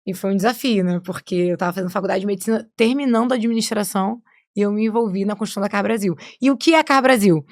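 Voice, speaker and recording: A woman's voice: mid-range voice, racing, no room sound, clean studio sound. A woman, chatting as a guest on a podcast, tagging her sentences with "né?". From Rio de Janeiro state, Brazil. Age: 20s. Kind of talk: casual podcast conversation.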